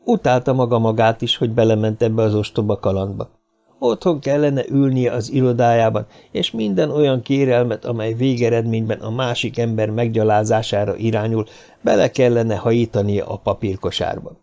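A man reading an audiobook in even, measured scripted narration. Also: medium pitch, vocal fry, lo-fi sound.

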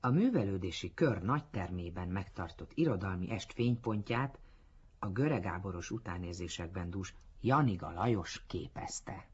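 A man reading a literary story aloud in a measured storytelling manner, on a dull lo-fi recording. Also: sits low, animated, darkish tone. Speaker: narrator. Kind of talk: literary audiobook narration.

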